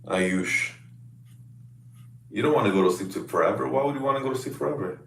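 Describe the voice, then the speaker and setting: A man coaching clients over a video call, chatting casually with loud, excitable hype-man energy. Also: medium pitch, brisk, gravelly, echoey room, distant mic. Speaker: fitness coach.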